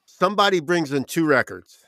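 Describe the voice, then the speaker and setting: A man's voice: fairly high pitch, animated, a little fast, sharp tone, dry recording, clean studio sound. A man with a New Jersey accent, co-hosting a music show and telling stories in casual, rambling chat while reeling off long lists. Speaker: podcast co-host.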